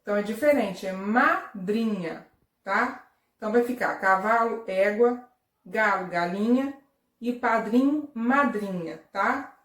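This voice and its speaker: A woman's voice: medium pitch, a little slow. Patient teacher woman in an echoey room. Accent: Brazilian Portuguese. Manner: patient, repetitive, asks children "tá?" and "né?". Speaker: primary school teacher. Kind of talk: recorded remote lesson for young children. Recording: echoey room, voice a bit far from the mic.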